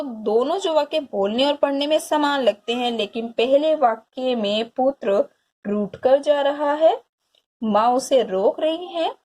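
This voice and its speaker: A woman school teacher explaining a grammar lesson to pupils, repeating each definition slowly so they can write it down. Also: a little high, darkish tone.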